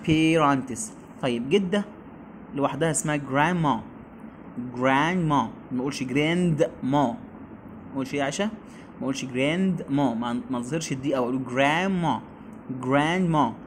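A man with an Egyptian Arabic accent runs a beginner English lesson at an everyday pitch. He says each word slowly, repeats it and asks his pupil to say it back. His manner is patient and steady. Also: slight background noise. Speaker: English teacher.

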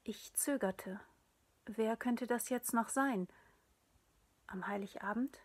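A woman narrates a story in a hushed, often whispered voice. Her tone is breathy and sits a little high. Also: slow.

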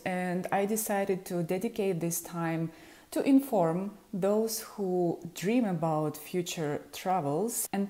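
Her voice is fairly low with a dark tone. She's a woman in her thirties from Ukraine, with a Ukrainian accent, who works as a yacht charter specialist and explains things warmly to camera in an informative vlog. She records from a small room at home on an earphone mic with webcam framing.

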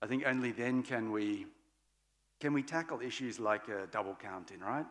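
A man's voice: medium pitch, moderate pace, fairly bright tone. Male panel moderator, 40s, podium mic, unscripted wrap-up with restarts, long hall reverb. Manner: loose, searching phrasing with fillers and restarts. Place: large conference stage hall.

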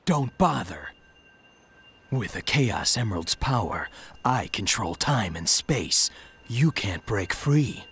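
A man's voice: on the low side, big pitch swings, takes it slowly, fairly bright tone, breathy edge, exaggerated voice. A man voicing a stoic, brooding hedgehog antihero in a video game cutscene, terse, stern and commanding. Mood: cold, commanding.

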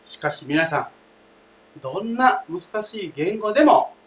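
A man's voice: sits high, lively intonation, a little slow. A man teaching a language lesson, speaking emphatically, repeating key phrases and often addressing the class directly. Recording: roomy, distant mic, faint hiss.

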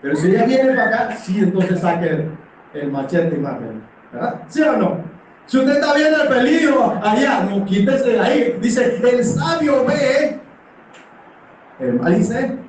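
Speaking at normal speed, this high-voiced middle-aged elder swings his pitch widely as he preaches with a Panamanian Spanish accent. The sermon is impassioned yet conversational, and he often uses rhetorical tag questions. Recorded from afar in a small indoor church hall full of congregants, the audio is echoey with background noise.

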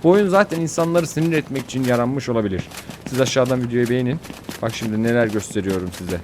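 A young man giving casual, excitable commentary on his own gameplay, fretting aloud and yelping at near falls. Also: medium pitch, fast talker, noisy background. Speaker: gaming YouTuber.

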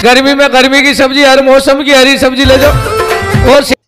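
A man's voice: extremely high pitch, completely flat delivery, normal speed. A man with a Rajasthani accent giving a melodic, repetitive vegetable vendor call, chanting his sales patter to passers-by. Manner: chanting, repeats phrases, hawking to passers-by. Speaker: vegetable vendor calling from a cart. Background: music.

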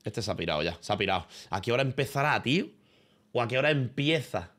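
A man's voice: medium pitch, expressive, quick pace, fairly bright tone. A streamer man from Spain with a Spanish accent, talking off the cuff in his room. He rambles loosely and swears freely, mixing in street slang as he addresses his viewers and a friend. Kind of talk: casual livestream chat.

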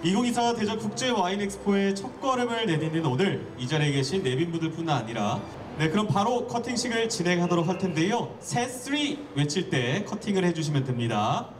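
A man's voice: sits high, very animated, fairly quick, background noise. A man emceeing an opening ceremony, giving polite announcements to guests. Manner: bright, courteous announcer delivery. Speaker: master of ceremonies. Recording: echoey distant PA with music.

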